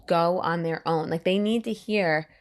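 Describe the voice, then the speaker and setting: A woman's voice: fairly low pitch, measured pace. A woman hosting a podcast, chatting casually with lots of fillers and the odd swear word. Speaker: podcast host. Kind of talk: casual chat.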